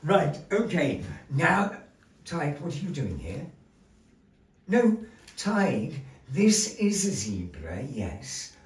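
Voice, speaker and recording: A male puppet show host performs theatrical stage patter with a puppet fortune-teller before a live audience in a gallery room. He's showy, grandly polite, and playful, with animated pitch and drawn-out words. A distant room mic picks him up, so the echoey room sounds far away.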